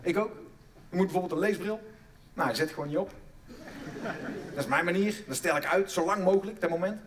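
Brief: middle-aged comedian, high voice, stammers, sudden loud outbursts, distant live-theatre sound with faint ambience. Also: male voice, fairly quick, background noise. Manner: stammering restarts, loud bursts of mock outrage. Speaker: stand-up comedian. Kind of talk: stand-up comedy routine. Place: theatre stage.

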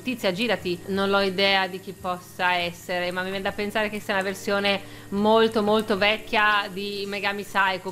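A woman's voice: medium pitch, pushed and bright. A woman giving playful, theatrical gameplay commentary as a YouTuber. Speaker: gaming YouTuber.

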